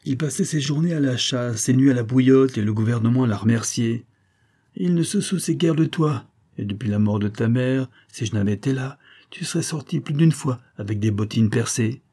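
A man's voice: medium pitch, normal speed, mellow, lightly acted. A man reading an audiobook, voicing a fussy middle-aged female servant who dotes on and scolds the girl she raised. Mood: scolding. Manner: scolding, doting. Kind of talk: audiobook character voice.

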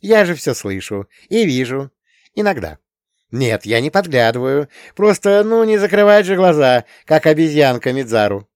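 A man's voice: fairly high pitch, sing-song, moderate pace, dry recording, studio quality, pitched above the performer's own voice. A man reading an audiobook and voicing a playful, teasing teenage schoolgirl. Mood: bubbly. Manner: bright, bubbly, teasing.

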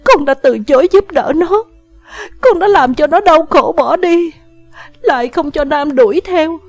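A woman's voice: high-pitched, measured pace, dry recording, soft background music, pitched above the performer's own voice. A woman voicing a feverish, grief-stricken teenager who sobs, screams and pleads in an audiobook. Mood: anguished. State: crying. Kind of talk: audiobook character voice.

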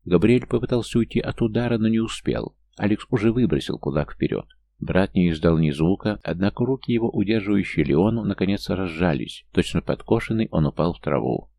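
Male audiobook narrator, deep and gravelly, mellow dark tone. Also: fairly quick. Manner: reads every character's lines himself, lifting his pitch for younger or smaller figures. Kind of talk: scripted fantasy narration.

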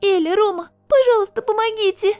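A woman voicing a frightened young woman who pleads in a high voice. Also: unhurried, darkish tone, faint music behind. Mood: pleading. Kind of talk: audiobook character voice.

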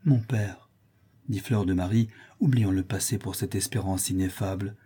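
A man narrating a classic novel as an audiobook in a measured, solemn manner. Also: sits low, steady tone, dark tone, breathy edge.

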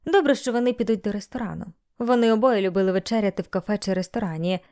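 Female audiobook narrator, steady and even, plain scripted reading. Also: medium pitch, quick pace.

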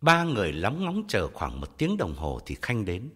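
A man narrating a story in a measured, expressive audiobook style. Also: on the low side, slightly rough, big-room sound.

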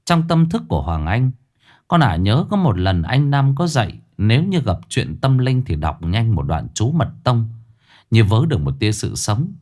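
A man narrating a ghost story in a dramatic, expressive way. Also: medium pitch, normal speed.

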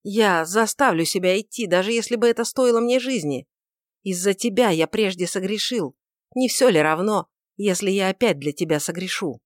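A woman's voice: medium pitch, normal speed, dry recording, lightly acted. A woman voicing a troubled, passionate male outlaw who speaks in a brooding, pleading way, on a dry recording. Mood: grieving pleading.

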